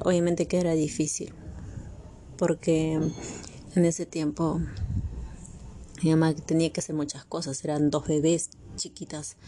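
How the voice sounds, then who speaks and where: A young woman recounts her family's past in an unhurried, halting way, often pausing and filling the gaps with soft hesitation sounds. Her voice is low and mellow. A faint hiss sits under the recording. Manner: hesitant, with frequent pauses and filler sounds. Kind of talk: personal storytelling.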